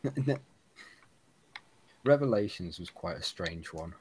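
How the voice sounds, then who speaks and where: A man's voice: deep voice, lively intonation, slow, darkish tone, slightly rough. A man hosting a casual gaming podcast, chatty, laughing and mimicking lines from games. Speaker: podcast host.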